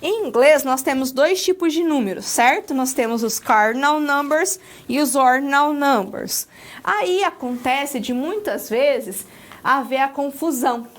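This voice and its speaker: High-voiced Brazilian woman teaching English. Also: lively intonation, a little slow. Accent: Brazilian Portuguese. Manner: explains step by step with many "ok?" checks. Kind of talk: recorded lesson.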